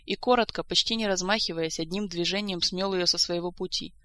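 An audiobook narrator reading a fantasy story with lively storytelling. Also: medium pitch, fairly quick, dry recording. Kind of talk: scripted narration.

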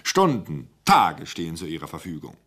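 Man voicing a smooth, bossy radio director. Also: deep voice, huge pitch swings, moderate pace, fairly bright tone, heavily acted. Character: soft-spoken, menacing male radio director.

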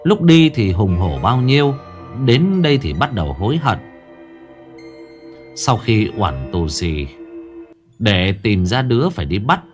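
A man narrating a ghost story in a lively, suspenseful storytelling manner. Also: lowish voice. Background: faint background music.

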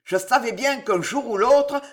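A reader voicing a commanding noble duke who calls out loudly from a distance with a raised pitch. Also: measured pace, natural voice. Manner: calling out, loud and high. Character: noble male duke calling from below.

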